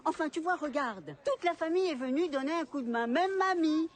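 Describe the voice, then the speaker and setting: A woman's voice: sits high, animated, fairly quick. A middle-aged actress playing a gushing, gossipy mother.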